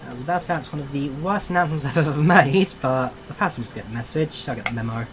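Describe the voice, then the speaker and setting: Male livestreamer, casual gameplay commentary, middle pitch, noisy ambient backdrop. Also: fast talker. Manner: informal, thinking aloud. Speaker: flight simulator streamer. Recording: steady background noise, engine-like ambience.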